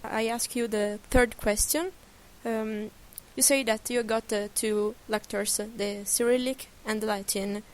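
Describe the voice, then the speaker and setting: A woman's voice: fairly high pitch, fairly even intonation, unhurried, slight background noise. A woman interviewer outdoors, asking long questions in English and searching for words with frequent uhs.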